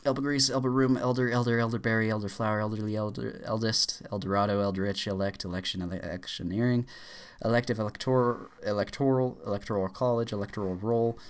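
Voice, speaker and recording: A man with a lowish voice races through a spoken word list, one entry after another. He trips over words now and then, breaks off mid-word and restarts, filling gaps with quick uh sounds. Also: steady tone, clear, resonant tone. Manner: rushed, stumbling with frequent uh fillers and restarts. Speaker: YouTuber. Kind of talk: rapid-fire reading aloud of a word list.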